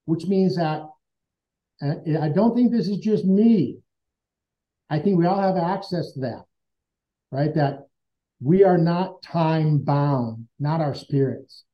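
A man's voice: on the high side, slow, long pauses. Earnest man telling his story. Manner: earnest, conversational, acts out remembered dialogue. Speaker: interview guest. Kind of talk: personal storytelling in conversation. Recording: dull lo-fi sound.

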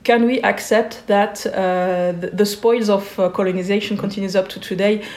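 A woman in her forties from Switzerland, a guest in an interview, speaking thoughtfully with many pauses and fillers. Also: mid-range voice, fairly even intonation, a little mellow, echoey room.

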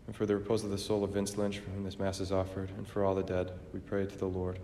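A deep, mellow male voice speaks fast in a completely flat delivery, playing a priest celebrating Mass. He solemnly intones liturgical prayers in a large church whose long, cathedral-like reverb fills the roomy hall, with faint noise underneath.

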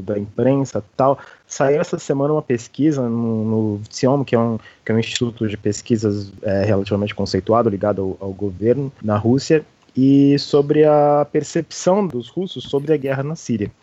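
A male radio host leading a discussion, explaining things in a measured way. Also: mid-range voice, mellow, no room sound, muffled recording.

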